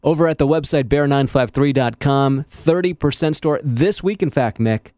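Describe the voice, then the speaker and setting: A man's voice: mid-range voice, moderate pace, darkish tone, no echo, studio quality. A man hosting a morning radio show, chatting and teasing his guest in upbeat banter. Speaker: radio host.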